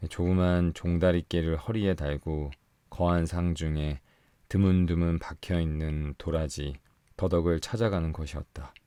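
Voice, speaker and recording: A man reading a story aloud for sleep in an even, unhurried voice. His tone is very deep and mellow. It sits close to the mic and sounds dry, with no echo. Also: clear, resonant tone. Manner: calm, slow, soft storytelling. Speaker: audiobook narrator. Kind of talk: bedtime audiobook reading.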